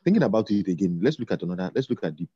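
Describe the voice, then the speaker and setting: A man talking in a relaxed conversation, halting and repeating himself with many fillers. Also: low voice, husky, no echo. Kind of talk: casual conversation. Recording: dull lo-fi sound.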